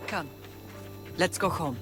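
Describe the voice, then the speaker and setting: A stern, protective Spartan mother explains things firmly. She sounds middle-aged and steady, with game music clearly audible behind. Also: lowish voice, slow pace. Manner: firm, instructive.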